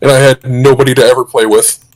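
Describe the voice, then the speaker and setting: A man's voice: medium pitch, flat delivery, quick pace. A man co-hosting a casual livestream chat through a voice changer, talking keenly with frequent restarts. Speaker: co-host.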